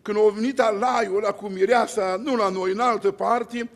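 A man's voice: high-pitched, steady tone, big-room sound. A male pastor preaching a sermon, emphatic, with repeated lists and rhetorical questions.

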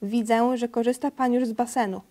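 A woman's voice: on the high side, fairly even intonation, a little fast, mellow, close to an everyday voice. A woman reading a friendly goat host. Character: friendly male goat caretaker.

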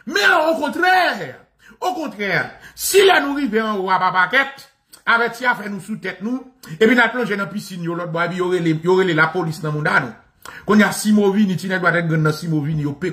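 A Haitian man with a Haitian Creole accent delivers a mocking political monologue that keeps circling back on the same phrases. His voice sits high and rings bright and forceful. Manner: animated and mocking, repeats phrases, often laughing.

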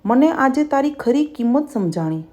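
A woman's voice: high-pitched, big pitch swings, normal speed, warm tone. A woman voicing a remorseful husband who apologizes through tears in a read-aloud story. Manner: tearful, apologetic.

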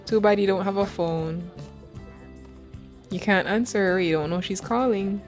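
A woman's voice: mid-range voice, moderate pace, soft background music. A woman gaming YouTuber giving chatty, giggly let's-play commentary, bossing her characters around.

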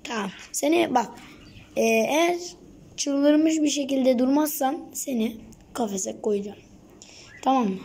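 A young woman vlogging at home, talking in a coaxing, soothing way to her pet bird and sometimes dropping to soft whispers. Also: sits high, measured pace, pauses often, husky. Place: home indoors. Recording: noisy home recording.

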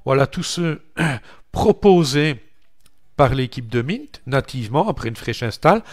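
A man with a French accent walking viewers through software on screen in a relaxed, chatty way, calling out each click with little interjections. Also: mid-range voice. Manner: slow, chatty, narrates each click with "voilà" and "hop". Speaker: tech tutorial host. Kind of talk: screen-recorded software walkthrough.

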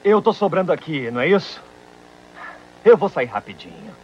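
A voice actor dubbing a hot-headed, jealous young rock guitarist who shouts and picks a fight, in a Brazilian Portuguese film dub. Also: male voice, fairly high pitch, animated, normal speed, dull audio, slight background noise, lightly acted. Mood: sarcastic. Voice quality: shouting, aggressive.

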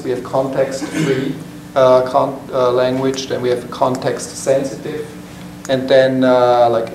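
A middle-aged man from Switzerland giving a technical talk to a small meetup, halting with many fillers and restarts. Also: medium pitch, darkish tone. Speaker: meetup presenter. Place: conference room, standing by a projector screen. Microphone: far camera. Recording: echoey room from far off, noisy.

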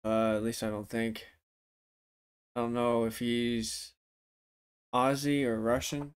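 A young man hosts a casual music reaction in a clear, smooth voice at a middling pitch. His speech sounds like that of someone with a swollen face and a sore tooth, and he talks in profane slang. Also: flat delivery, slow. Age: young adult. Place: living room at home.

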